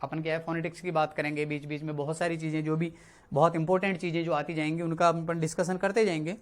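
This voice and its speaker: A man's voice: fairly high pitch, level tone, fast. A male teacher explaining an English lesson, repeating key words and checking in often. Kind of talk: spoken Hindi classroom lesson.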